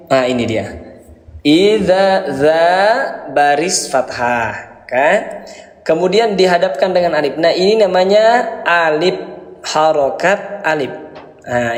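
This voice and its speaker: A man teaches beginners in a slow, patient lesson, asking questions and answering them himself. His voice sits a bit high for a man. The room is echoey, with a long trailing reverb. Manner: repeats and quizzes with questions, then answers himself; addresses parents as Ayah Bunda. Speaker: Quran reading teacher.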